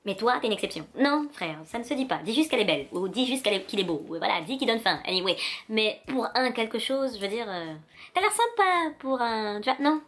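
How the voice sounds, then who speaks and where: Sassy animated young woman vlogger. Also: mid-range voice, fast talker. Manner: sassy, animated, addresses viewer directly. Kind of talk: casual direct-to-camera rant.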